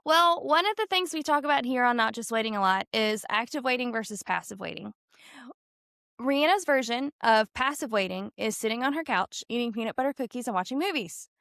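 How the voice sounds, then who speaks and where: A woman's voice: fairly high pitch, animated, fairly quick, creaky, fairly bright tone, dry recording, clean studio sound. A woman hosting a faith podcast, playful and self-teasing as she asks her guest questions. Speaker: podcast host. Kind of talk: casual podcast interview.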